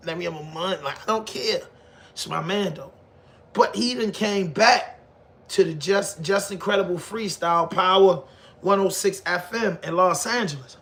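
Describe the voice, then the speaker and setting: A man's voice: high voice, pushed and bright. A man with a Baltimore accent talking casually to viewers in slangy, profane, emphatic speech, often repeating his phrases. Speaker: online commentator on hip hop. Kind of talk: casual unscripted talk to viewers.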